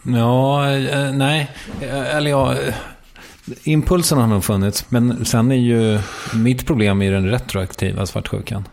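Gravelly man, quiet interviewer. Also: mid-range voice, steady tone. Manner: quiet, brief affirmations, measured questions. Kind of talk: conversational interview.

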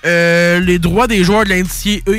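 Slangy young Québécois man, higher voice. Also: normal speed, clear, resonant tone, soft background music. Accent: Québécois French. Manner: slangy, excitable, swears freely. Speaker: podcast host. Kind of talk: casual sports chat.

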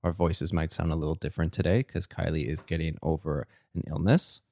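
Podcast co-host, male, very deep, strained voice, relaxed rambling talk. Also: a little fast, no echo, studio quality. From Canada. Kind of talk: casual chat.

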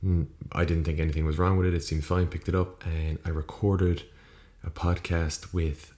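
Deep-voiced Irishman in an echoey room. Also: little pitch movement, normal speed, mellow. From Ireland. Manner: rambling, self-correcting, casually sweary. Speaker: podcast host. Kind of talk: solo podcast monologue, casual and unscripted. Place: small room, indoors. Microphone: USB podcast microphone. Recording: echoey room with poor acoustics.

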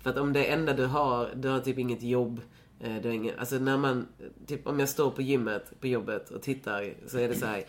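A woman's voice: extremely low pitch, steady tone, few pauses. A young woman in casual chat as a podcast guest, rambling with many fillers and swearing freely.

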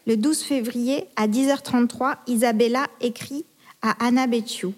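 A woman reading out email dates and subject lines in a flat, matter-of-fact way. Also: a little high, normal speed. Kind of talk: announcing email headers.

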